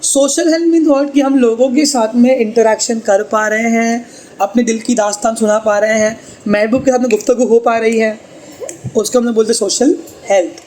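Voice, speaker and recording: A man's voice: very high-pitched, steady tone, brisk, darkish tone, a little hiss or hum, poor audio. A man teaching a tuition class, chatty and teasing as he explains. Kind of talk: classroom lecture.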